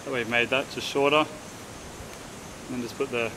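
Young Australian bloke, casual vlogger, tired and relaxed, camera a few metres off, hissy outdoor audio with insects. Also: male voice, medium pitch, fairly quick. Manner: relaxed, rambling, many fillers and restarts. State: tired after a hot hike. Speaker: bushcraft vlogger. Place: outdoors in the bush by rocks. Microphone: camera on a tripod a few metres away.

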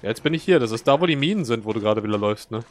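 A man's voice: mid-range voice, lively intonation, rapid-fire. A young man chatting colloquially and jokily as he comments on a co-op video game. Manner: jokey, colloquial. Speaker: Let's Play host. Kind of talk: casual co-op gaming commentary. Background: video game ambience.

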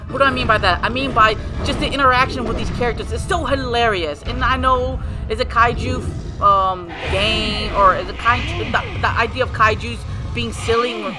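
A young man casually commenting on his gameplay, excitable and apologetic. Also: very high-pitched, normal speed. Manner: excitable, apologetic, laughs often. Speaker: gaming channel host. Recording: game music loud behind voice.

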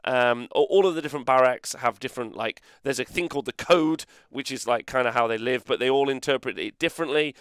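A man hosting a casual gaming podcast, rambling and animated, with mock-outraged banter. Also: medium pitch, fast, few pauses, smooth, no echo, studio quality. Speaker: host.

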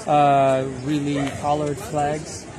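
A man in his twenties chatting casually as a tourist, in halting, simple non-native English. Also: a little high, completely flat delivery, a crowd in the background. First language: not English. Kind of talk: casual chat. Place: busy shops and outdoor temple square. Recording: loud music over handheld camera audio.

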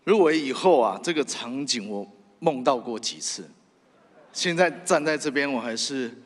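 This award-winning radio host, accent Taiwanese Mandarin, delivers his acceptance speech haltingly and earnestly, partly from his phone, close to a stand mic on a big theatre stage. His voice is mid-range with lively intonation, and the PA carries heavy hall reverb.

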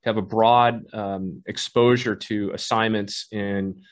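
An army colonel in his fifties from Southern California joins as a guest via video call from his office. He speaks in a measured, formal way with occasional fillers, his voice fairly low and steady.

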